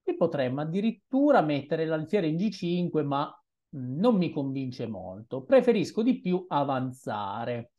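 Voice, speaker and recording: Young male streamer, slow and deliberate, talks through moves with musing, hesitant asides, webcam at a desk in a small room. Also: fairly high pitch, sing-song, dark tone, highs cut off. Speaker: chess streamer. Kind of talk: thinking-aloud game commentary.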